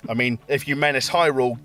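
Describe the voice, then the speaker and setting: A man's voice: medium pitch, normal speed, fairly bright tone, soft background music. A man co-hosting a gaming video, reading a script with sarcastic, sweary asides. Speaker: co-host. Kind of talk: scripted banter with co-hosts.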